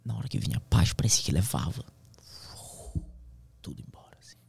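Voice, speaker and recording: Gravelly husky man telling a gripping story. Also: low voice, animated, a little fast, darkish tone. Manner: slangy, intense, drops into whispers. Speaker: airplane pilot and author, podcast guest. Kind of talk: emotional storytelling in casual conversation.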